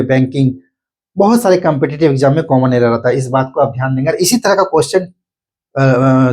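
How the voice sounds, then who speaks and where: A man's voice: mid-range voice, a little mellow. A man with an Indian accent teaching English grammar, repeating each point and answering his own questions. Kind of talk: explanatory online lesson.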